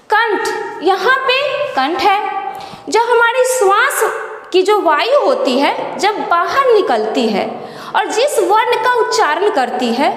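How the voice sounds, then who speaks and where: A woman teaching a Hindi grammar lesson, explaining slowly and repeating definitions to her students. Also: very high voice, fairly bright tone. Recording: echoey room with long reverb.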